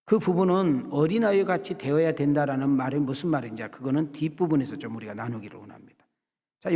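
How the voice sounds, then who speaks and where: Middle-aged male pastor, casual humorous preaching style with acted-out bits, recorded in a reverberant sanctuary. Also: fairly high pitch. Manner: conversational, jokey, acts out scenes with shouted voices. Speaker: senior pastor. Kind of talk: sermon. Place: church sanctuary. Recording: long hall reverb in a church sanctuary.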